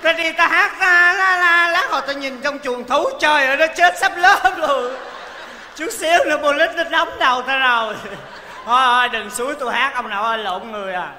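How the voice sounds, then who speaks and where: A penniless male folk-opera actor who teases and scolds his partner, speaking. His voice is very high and very bright. The sound echoes through a large hall on a stage recording. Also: brisk, slight background noise, full character voice. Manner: teasing, exasperated, loud and playful. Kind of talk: stage comedy sketch.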